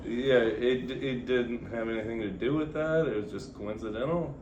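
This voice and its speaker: A young man co-hosting a podcast, chatting casually and prompting with halting questions. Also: medium pitch, darkish tone, muffled recording. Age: young adult. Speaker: podcast co-host. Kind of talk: casual interviewing chat. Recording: echoey room, faint noise.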